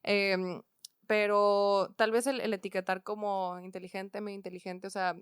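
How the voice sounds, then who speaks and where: A woman's voice: mid-range voice, flat delivery, normal speed, clear, resonant tone, dry recording, studio quality. A woman with a Mexican accent, a coach and podcast guest, explaining ideas thoughtfully with frequent fillers. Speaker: guest, work and education coach. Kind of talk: conversational podcast interview.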